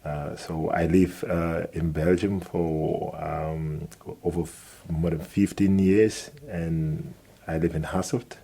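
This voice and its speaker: A man's voice: low-pitched, steady tone, slow pace, gravelly, warm tone, slightly rough. A middle-aged man from Cameroon, answering radio interview questions hesitantly with many filler sounds, in a studio. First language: Mogamo. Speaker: guest.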